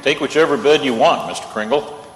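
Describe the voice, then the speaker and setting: A man's voice: medium pitch, fairly quick, soft background music, close to an everyday voice. A man playing an amiable, wry lawyer in an old-time radio play, easygoing in manner. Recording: reverberant hall.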